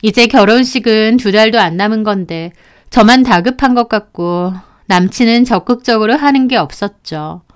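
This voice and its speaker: Smooth-voiced woman narrating a story. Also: a little high, normal speed. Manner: even, storytelling delivery. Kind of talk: scripted first-person story narration.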